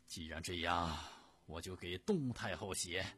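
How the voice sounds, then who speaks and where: A man's voice: low voice, a little slow. Man doing a blustering hot-headed prince. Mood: indignant. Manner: loud, indignant.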